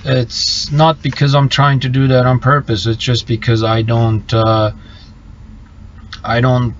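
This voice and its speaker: A middle-aged Bolivian trucker whose mother tongue is Low German chats on a live stream from his parked truck, reading viewers' messages in a flat, middle-pitched voice. He stops and starts, using lots of fillers and fumbling for words. Faint noise sits under the slightly muffled audio.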